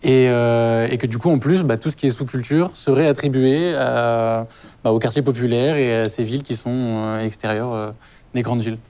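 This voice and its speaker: A man's voice: medium pitch, fairly even intonation, normal speed, dark tone. A man in his twenties from France, a communication student, speaking carefully and hesitantly in a group discussion. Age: 20s.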